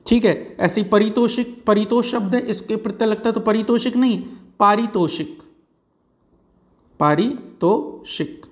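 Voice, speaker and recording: Teacher drawing out words. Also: male voice, high-pitched, fairly even intonation. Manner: repeats key words slowly, frequent "है ना" and "ठीक है जी". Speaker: Hindi grammar teacher. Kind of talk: exam-prep lecture.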